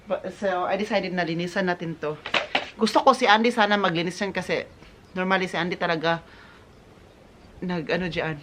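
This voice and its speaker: A vlogger from the Philippines, speaking in a fairly low voice with background noise, chats casually with viewers at her home in Germany. She films both inside and outside, laughs often, and works English words into her talk.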